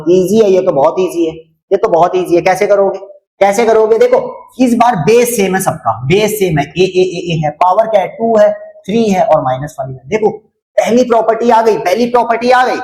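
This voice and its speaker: A man's voice: high voice, a little mellow. A man teaching a maths lesson online, repeating each step, quizzing his students and teasing them. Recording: roomy echo.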